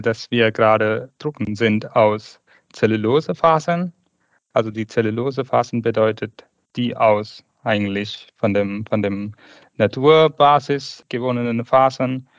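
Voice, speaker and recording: A man's voice: medium pitch, no echo. Man, late 30s, searching for words, podcast guest, dull dry internet-call sound. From South India. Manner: hesitant, searching for words in a second language. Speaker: guest researcher. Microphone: video call.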